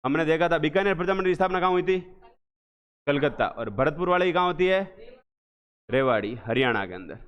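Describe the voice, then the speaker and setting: A man teaching an exam revision class, asking questions again and again and answering them slowly and with emphasis. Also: sits high, clean tone. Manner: drills students with repeated questions, slow emphatic answers. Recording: echoey hall, dull lo-fi sound.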